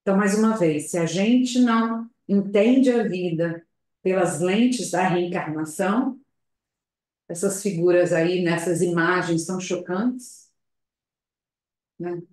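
Slow, echoey woman lecturing. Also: on the low side, a little mellow. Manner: slow, reflective, hesitant, with frequent tag questions. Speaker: lecturer at a spiritist center. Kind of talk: public talk over a video call. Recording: very echoey room.

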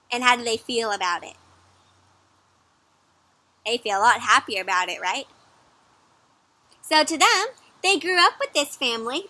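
This dry recording captures a young woman whose voice sits high as she reads a picture book aloud to children in a yard or garden. Pausing to question them like a teacher, she stays animated and addresses the kids as friends.

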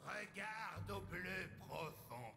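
A gloating game villain speaks in a high, swooping voice. He drags his words out pompously and menacingly, with music and long reverb around him. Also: animated, gravelly, noisy background, heavily acted. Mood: smug, commanding. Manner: pompous, menacing, drawn-out delivery. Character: gloating theatrical villain who made and menaces small creatures. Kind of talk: video game character acting.

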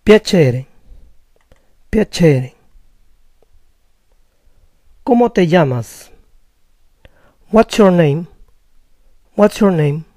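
A man leads a slow vocabulary drill, saying each phrase twice, and his somewhat high voice stays mellow. He speaks at a very unhurried, measured pace, recorded dry with no room echo. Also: expressive. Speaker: language teacher.

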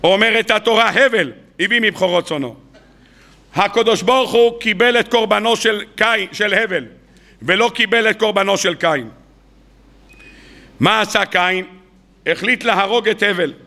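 A man's voice: high voice, long pauses. A man, a rabbi, preaching to an audience in a colloquial storytelling sermon, acting out the people in his tales. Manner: colloquial, addresses the audience as "gentlemen". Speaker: rabbi giving a weekly Torah talk. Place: evening lecture before an audience.

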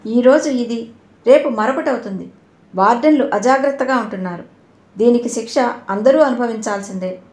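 A woman's voice: a little high, normal speed, a little mellow, natural voice. A woman voicing a stern, angry woman who runs a hostel, with a harsh, scolding manner and a roomy echo.

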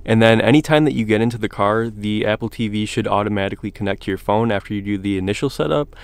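Male host, under the weather, smooth low voice, relaxed walkthrough style. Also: fast talker, dry recording. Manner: relaxed, many ums and uhs. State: sick, hoarse voice. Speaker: car channel host. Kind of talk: casual product walkthrough. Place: inside a car.

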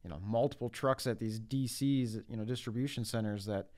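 A man's voice: lowish voice, a little fast, a little mellow. A man on a logistics panel, speaking casually and practically, explaining things through what drivers face day to day.

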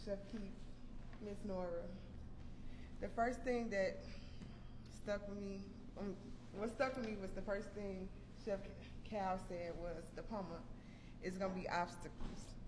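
A woman, a culinary program graduate, giving a halting, heartfelt graduation speech in an echoey hall. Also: medium pitch. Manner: halting, tearful, heartfelt thanks. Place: large hall at a graduation ceremony. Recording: echoey hall with background noise.

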